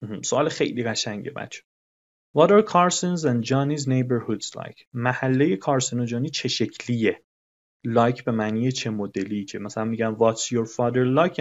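A male English teacher walks through a lesson, explaining patiently and repeating phrases so they sink in. His voice sits at a middle pitch. The recording is dull and lo-fi.

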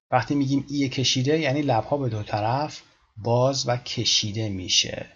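A man teaching English pronunciation, patiently repeating words slowly to demonstrate. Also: mid-range voice, fairly bright tone, slightly rough, highs cut off. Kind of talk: explaining pronunciation in a lesson.

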